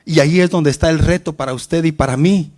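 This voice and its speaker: Man, preacher, sermon, high voice, swells and drops for emphasis. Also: a little fast, a little mellow. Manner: preaches with rising and falling emphasis, often addressing "querido hermano".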